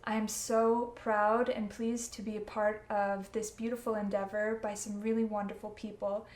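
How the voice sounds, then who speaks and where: A woman's voice: medium pitch, level tone, moderate pace. Effusive woman in an echoey room. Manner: effusive, warm-worded, with many fillers. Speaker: opera singer and guest. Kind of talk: casual video message.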